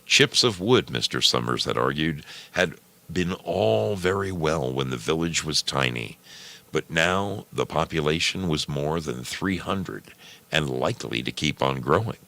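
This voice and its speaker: This is scripted narration of a short story by a male storyteller and program host. His extremely deep, gravelly, creaky voice moves deliberately through the text in measured phrases, with lively swings in intonation.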